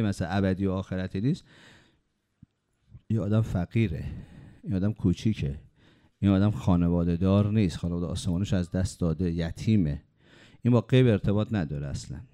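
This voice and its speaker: A man's voice: low-pitched, mellow. A man preaching a sermon, telling stories and pressing his points with rhetorical questions. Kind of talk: sermon with anecdotes.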